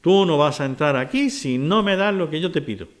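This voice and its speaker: A man's voice: on the high side, animated, a little fast, close to an everyday voice. A man preaching who voices a desperate mother crying out for help for her daughter. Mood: insistent. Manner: crying out, pleading.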